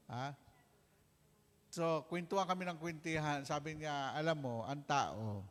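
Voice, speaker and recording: A man preaching a healing sermon to a congregation, animated, swinging from loud exclamations to soft asides and often calling out to the crowd. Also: fairly high pitch, in a large hall.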